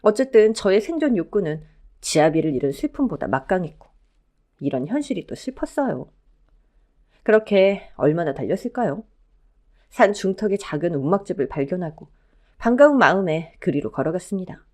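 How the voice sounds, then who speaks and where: A woman narrating a dramatic story in the first person as a widow, in an expressive, scripted storytelling manner. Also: fairly low pitch, moderate pace.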